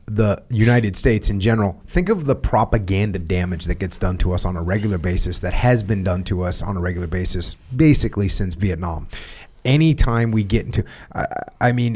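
A man's voice: lowish voice, a little mellow. A man hosting a podcast, reading passages from a book aloud and breaking off to explain them in plain, casual words. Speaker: podcast host.

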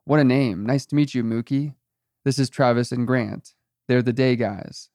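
Goofy eager teen guard, perpetually cheerful and chatty; man narrator voices him, mid-pitched. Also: fairly even intonation, moderate pace, mellow, no echo, studio quality, natural voice. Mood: friendly. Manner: cheerful, chatty, endlessly nice. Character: goofy, eager teenage male weed farm guard.

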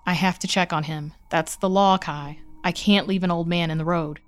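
A woman voicing a frightened young woman who stays firm and calming with her nephew, speaking in a low, steady, urgent voice. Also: normal speed, faint music behind, natural voice. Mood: tense, firm. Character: young woman, shaken but firm aunt.

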